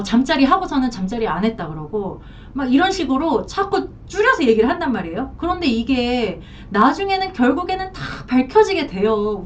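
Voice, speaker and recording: A frank, emphatic woman counselor whose fairly high voice swings up and down as she makes her points. She sounds a little far from the mic. The recording is dull and lo-fi, with a faint rumble underneath. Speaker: marriage counselor. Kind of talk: advice talk to camera.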